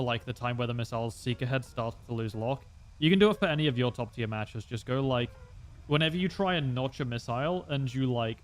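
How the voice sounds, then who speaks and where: A young man streaming a flight game, chatting casually and explaining tactics with lots of fillers. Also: medium pitch. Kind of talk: casual gameplay commentary.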